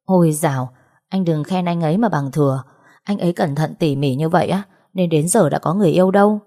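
A woman's voice: sits low, fairly quick, dark tone. A woman voicing a cheeky young male junior investigator who talks in a chirpy, teasing way.

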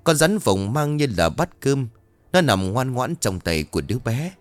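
A man narrating a scripted horror story in an expressive, dramatic way. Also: medium pitch, moderate pace, dry recording, faint music behind.

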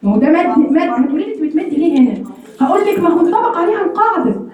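A woman's voice: very high voice, expressive, rapid-fire, a little mellow, echoey room, distant mic, muffled recording. A woman with an Egyptian Arabic accent teaching Quran recitation rules in a classroom lesson, explaining step by step and often checking whether her students follow.

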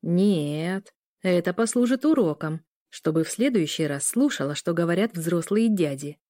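A calm, teasing werewolf groom, voiced by a woman reader, lower and softer than the narration. Unhurried and gently mocking, read close and dry. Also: no echo, lightly acted.

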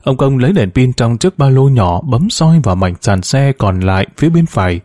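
Expressive male storyteller. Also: mid-range voice, normal speed, no echo, studio quality. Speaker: narrator. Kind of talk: storytelling narration.

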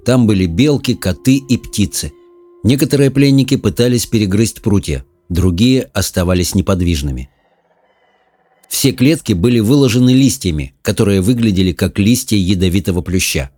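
Low mellow guy reading an audiobook, steady, dry close sound. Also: normal speed, no echo. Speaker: narrator. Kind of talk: audiobook narration.

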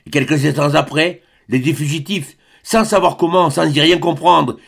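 A man reading an adventure novel aloud as an audiobook, with dramatic, expressive narration. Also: on the high side, moderate pace, gravelly. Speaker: audiobook reader. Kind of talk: scripted narration.

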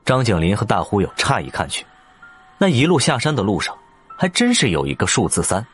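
A man narrating an audiobook in an expressive storytelling manner. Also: on the low side, brisk, faint music behind. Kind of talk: scripted narration.

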